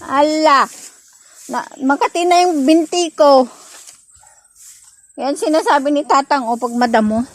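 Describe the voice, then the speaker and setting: A woman's voice: sits high, unhurried, long pauses. A middle-aged woman vlogging casually outdoors in a rural yard, chatting to viewers and her dog, recorded on a phone. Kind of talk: casual vlog chat. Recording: faint outdoor noise.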